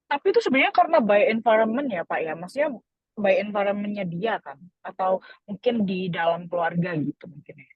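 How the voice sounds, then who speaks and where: A woman hosting and reading out audience questions in a relaxed, chatty way. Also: medium pitch, brisk, breathy edge, no room sound. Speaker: host. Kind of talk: moderating a Q&A. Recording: dull lo-fi online talk audio.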